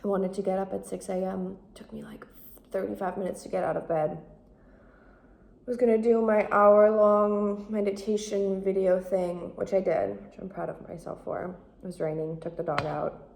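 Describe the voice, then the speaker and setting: A woman's voice: medium pitch, steady tone, normal speed, creaky, a little mellow. A woman vlogging on her phone at home, chatting casually in a rambling, self-deprecating way. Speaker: vlogger and photographer. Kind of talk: casual vlog chat. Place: at home, indoors. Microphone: phone held by the speaker. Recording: roomy, distant phone audio with faint noise.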